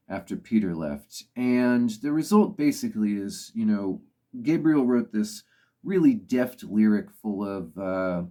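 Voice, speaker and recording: Mellow, low-voiced man reviewing music. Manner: thoughtful, opinionated, with frequent "you know" fillers. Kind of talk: casual spoken commentary.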